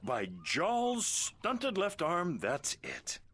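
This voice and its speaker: A man's voice: high-pitched, huge pitch swings, extremely slow, crowd noise, exaggerated voice. An actor playing a sardonic, exasperated seaman and trader in a video game, with a salty, sarcastic way of talking.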